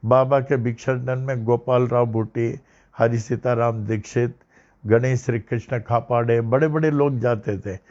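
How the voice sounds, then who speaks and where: A man's voice: medium pitch, fairly even intonation, a little slow, darkish tone. A man, a spiritual teacher telling devotional stories in an emphatic sermon style, acting out quoted speech. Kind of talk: storytelling sermon. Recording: dull lo-fi recording.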